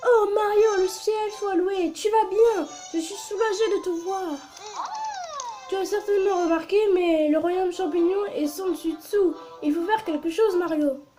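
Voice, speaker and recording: A boy doing a girl's voice for a gentle, worried young princess while reading video game dialogue aloud. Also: fairly even intonation, moderate pace. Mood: relieved, worried. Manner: breathy high put-on girl's voice. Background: game music.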